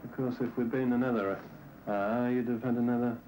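A man's voice: medium pitch, fairly even intonation, a little fast. A middle-aged lifeboat man explaining things to his crew indoors. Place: small wooden boathouse room, indoors. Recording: noisy old film sound.

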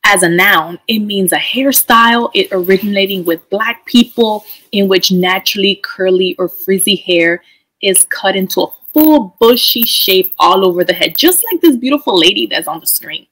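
A woman's voice: mid-range voice, moderate pace, a bit bright, low-quality recording. A middle-aged woman teacher from the Dominican Republic, explaining things step by step in a chatty way and asking her viewers questions. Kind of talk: educational video presentation.

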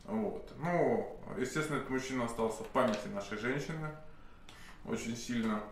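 In a candlelit indoor office, a self-styled sorcerer in his thirties speaks at medium pitch, slightly congested from a cold, delivering an unscripted monologue to camera about a client. His long story rambles, full of pauses, hesitation sounds and restarts. The room is very echoey and there's a faint hiss on the recording.

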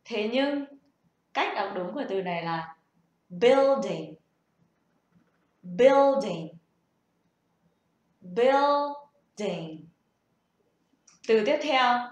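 A woman's voice: fairly high pitch, expressive, moderate pace, dull audio. A young woman gives a casual, patient spoken lesson and asks the listener rhetorical questions. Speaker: self-taught English learner sharing tips. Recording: echoey room.

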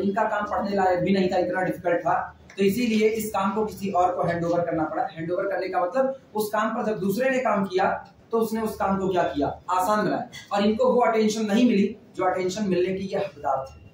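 Guy teaching a math class, high voice, really echoey room, mic kinda far. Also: brisk, few pauses, a little hiss or hum. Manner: chatty, repeats phrases while dictating. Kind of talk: classroom lecture.

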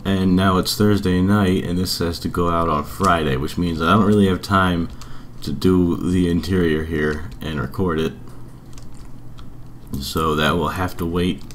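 A young man giving casual, rambling game build commentary in a subdued voice, keeping quiet at night. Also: low-pitched, slight background noise. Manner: rambling, informal. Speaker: video creator.

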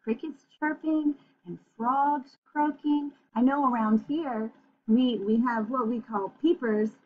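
Reading a picture book aloud to young children at a very unhurried pace, a woman uses a fairly high, somewhat husky voice, gentle and expressive, and breaks off for chatty asides. She's in a small room at home, recorded on a computer webcam at arm's length, which makes the sound a little dull.

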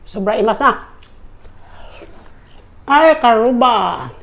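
A woman's voice: fairly high pitch, lively intonation, slow, gravelly. A woman with a Filipino accent, talking while chewing in a mukbang eating vlog, her speech muffled by food and mixing broken English with Tagalog words. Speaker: vlogger.

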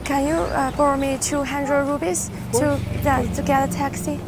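High-voiced woman speaking hesitant English. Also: flat delivery, noisy background. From China. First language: Chinese. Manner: polite, hesitant, halting English. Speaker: social experiment presenter. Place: city street outdoors. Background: music.

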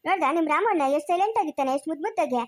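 A woman acting out a sharp-tongued old village grandmother from a comic family skit, fiercely protective and always ready to quarrel. She speaks with a rural Chikkaballapur Kannada accent. The voice is very high and rattles along at a brisk clip. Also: expressive. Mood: coaxing. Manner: quarrelsome, scolding, fast-talking. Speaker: skit actor.

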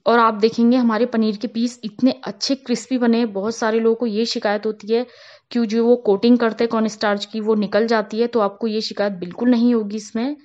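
Speaking off camera, a cooking channel host walks through a home cooking tutorial step by step in a calm, instructional tone. Her voice is fairly high and her pace is brisk. The voice-over has a slightly dull, lo-fi quality.

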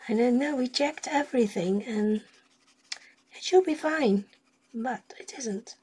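A woman chatting casually on a drawing livestream in unhurried, trailing murmurs, with a pencil scratching on paper. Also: on the high side, warm tone. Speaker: colouring livestream host. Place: indoors at a drawing desk. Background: pencil scratching on rough paper.

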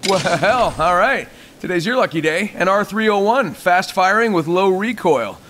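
A man's voice: high voice, animated, a little slow, fairly bright tone, a little hiss or hum. An actor voicing a cocky, wisecracking male squadmate who coaches a rookie through a game tutorial with teasing jokes. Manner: teasing, joking, bouncy delivery. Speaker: tutorial guide character. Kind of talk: game voice acting.

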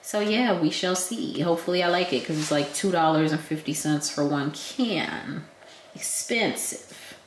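A young woman with a slightly raspy, hoarse voice, chatting casually to her vlog camera at home with lots of ums. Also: deep voice, moderate pace, few pauses, reverberant, a little hiss or hum. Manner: chatty, relaxed, frequent ums. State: recovering from illness, a bit hoarse. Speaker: vlogger. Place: at home, indoors.

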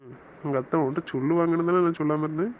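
A man's voice: fairly high pitch, fairly even intonation, racing, lo-fi sound, a little hiss or hum, close to an everyday voice. A man playing a teasing, bossy young husband in an audio romance series, scolding his wife in playful banter.

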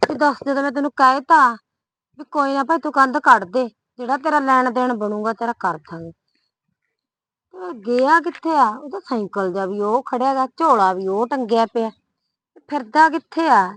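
A fretful, sharp-tongued village woman, as an actress plays her with a Punjabi accent. Her fairly high voice scolds and worries about what the neighbors will say. The sound is dry and close. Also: lively intonation, normal speed, no room sound. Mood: worried muttering. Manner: scolding, anxious about gossip, loud when calling. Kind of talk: comic short-film acting.

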